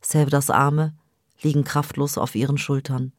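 Eine Frau liest ruhig und gemessen ein Hörbuch. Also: female voice, extremely low pitch, little pitch movement, measured pace, no room sound, clean studio sound. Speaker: audiobook narrator. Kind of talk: audiobook reading.

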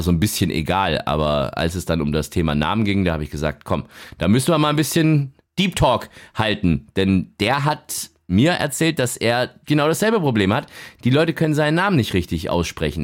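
A man in his thirties hosts a music podcast with a lively, animated voice that swings up and down. His talk is chatty and joking, loose and friendly in tone. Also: fairly low pitch. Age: 30s. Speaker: podcast and radio host. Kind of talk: casual podcast narration and chat.

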